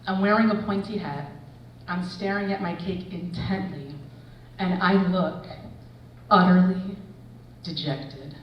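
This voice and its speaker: A woman in her forties, an English professor, reading a personal essay aloud with expressive storytelling. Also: on the low side, unhurried, long pauses, distant mic, muffled recording, slight background noise. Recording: echoey hall, voice from afar.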